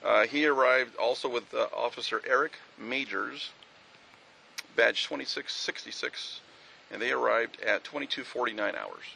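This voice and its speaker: A man's voice: mid-range voice, moderate pace, vocal fry, sharp tone, a little hiss or hum, low-quality recording. A man, a police officer, giving a methodical, factual incident briefing outdoors at a street scene, with frequent fillers.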